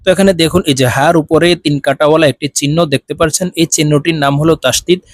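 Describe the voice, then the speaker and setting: A man with a Bangladeshi accent teaching Quran reading, slowly spelling out syllables and drawing out each sound. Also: fairly high pitch, steady tone, dry recording. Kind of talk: slow spelled-out recitation lesson.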